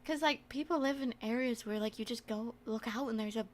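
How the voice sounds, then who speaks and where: A woman's voice: fairly high pitch, a little fast, a little hiss or hum. A young woman chatting casually on a livestream in a cute, playful anime-streamer manner, giggly and rambling, with some self-deprecation. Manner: giggly, laughs often while talking. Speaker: streamer introducing herself on a debut stream.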